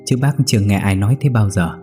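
A man's voice: on the low side, fast, warm tone, soft background music, close to an everyday voice. A man voicing an old village man, urgent and fatherly.

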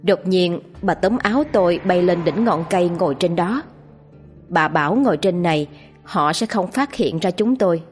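Woman storyteller, low pitch, husky, slow steady reading, soft music under, ghost tale. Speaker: story narrator. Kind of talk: scripted ghost story narration.

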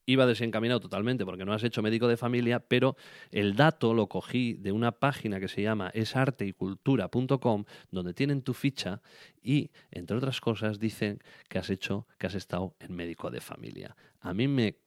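A man's voice: on the low side, fairly quick, no room sound. Rambling male podcast host, dry sound. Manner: rambling, many restarts and fillers. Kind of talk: casual podcast chat.

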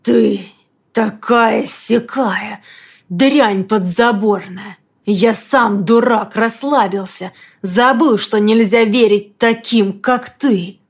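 A woman voicing a furious man who speaks hoarsely and hisses his words slowly with menace. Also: medium pitch, full character voice. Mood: enraged. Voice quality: hoarse, hissing.

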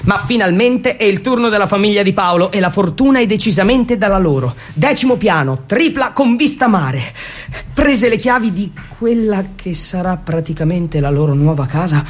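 A stage storyteller and actor performs a theatrical narrative monologue for radio. His delivery is dramatic and irreverent, with emphatic pauses, in a high voice with lively intonation.

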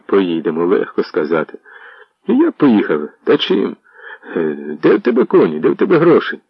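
Male narrator as wry grumbling father, raised complaining pitch; dull recording. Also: wildly swooping pitch, normal speed, vocal fry, slightly rough, no room sound, exaggerated voice.

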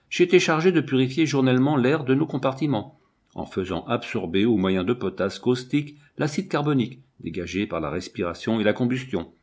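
A man reading a first-person novel aloud as an audiobook narrator, in an expressive storytelling way. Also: mid-range voice.

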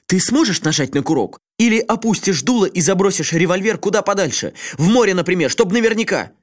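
A man's voice: a little high, lively intonation, brisk, pitched above the performer's own voice, natural voice. A man voicing a frantic male journalist who pleads with a friend in a raised, agitated voice. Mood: desperate.

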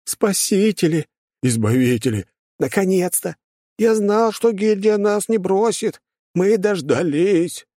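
A man's voice: high-pitched, expressive, slow, dark tone, no echo, studio quality, voice pushed up, exaggerated voice. A man narrating an audiobook, voicing a burly bearded tavern man who weeps with overjoyed relief and pleads in emotional outbursts. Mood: tearful, overjoyed. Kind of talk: audiobook character voice.

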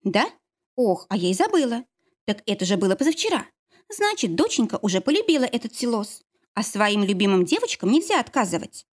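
A woman voicing a young pregnant woman, joyful and tearful, in a high excited voice. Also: fairly quick. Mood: coaxing.

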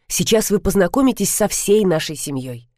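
A woman's voice: mid-range voice, lively intonation, a little fast, warm tone, no room sound, studio quality, lightly acted. A woman reading an audiobook, voicing a composed, firm and polite grown man. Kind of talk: audiobook character voice.

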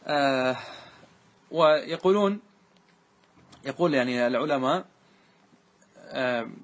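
A man's voice: medium pitch, slow. A man teaching a grammar lesson, asking questions and often checking that his students follow.

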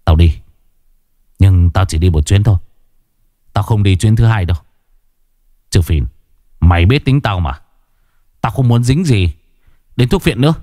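Man doing bitter wronged husband, gruff and clipped, low-voiced storybook horror. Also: expressive, a little slow, long pauses, warm tone, dry recording, studio quality. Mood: firm. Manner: gruff, clipped threats and demands. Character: wronged husband, restrained then furious, middle-aged.

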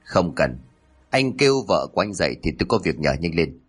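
A man voicing a nagging, sharp-tongued old mother-in-law who scolds and wails melodramatically. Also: low voice, very animated, a little fast, husky, faint music behind, voice pushed down, exaggerated voice. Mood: scolding.

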